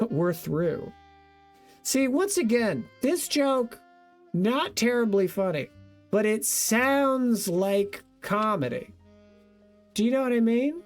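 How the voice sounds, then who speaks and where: A man's voice: extremely high pitch, lively intonation, slow, soft background music. A young man streaming casually, reading out his old joke notes, laughing at himself and thanking viewers. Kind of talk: casual livestream chat.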